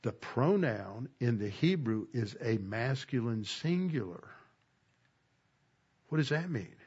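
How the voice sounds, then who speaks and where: A man teaching an expository Bible lesson, slowing down to stress key words. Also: medium pitch, lively intonation, darkish tone, slightly rough, lo-fi sound.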